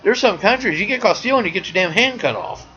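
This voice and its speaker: A man's voice: high-pitched, fast talker. Rambling man, lo-fi. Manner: rambling, animated storytelling. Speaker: podcast host. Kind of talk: casual comedic monologue. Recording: dull lo-fi sound.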